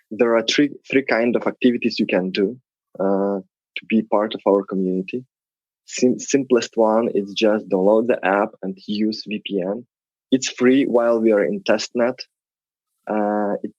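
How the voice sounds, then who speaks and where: A man's voice: lowish voice, darkish tone, no room sound, lo-fi sound. A man with a Lithuanian accent and non-native English phrasing, explaining things conversationally as an interview guest. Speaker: podcast guest, tech project representative.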